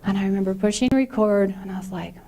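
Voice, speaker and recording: A middle-aged woman giving a conference talk as a personal story, chatty and acting out the dialogue she quotes. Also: fast. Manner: chatty, acts out quoted dialogue with lively pitch jumps. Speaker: conference speaker.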